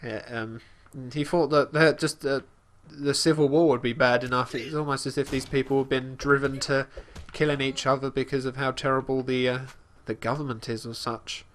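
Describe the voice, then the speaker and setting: A man casually commenting on his gameplay as host, talking about his character in third person with halting restarts and fillers. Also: medium pitch, fairly even intonation, fairly bright tone, slight background noise. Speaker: let's play host.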